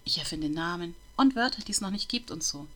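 A woman voicing a shy, withdrawn schoolboy who answers hesitantly and quietly. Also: lowish voice, lively intonation, a little fast. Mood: timid, hurt.

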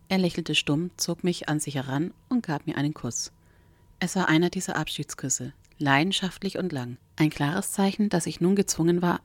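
A woman with a low, dark-toned voice reads a novel in the first person. Her telling is wry and intimate, recorded close and dry with no room around her. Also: dry recording. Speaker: audiobook narrator.

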